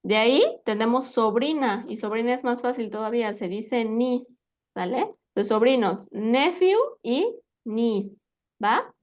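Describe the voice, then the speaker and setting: A woman's voice: on the high side, moderate pace. A woman teaching an English vocabulary lesson, patiently quizzing her student and checking in with frequent tag questions.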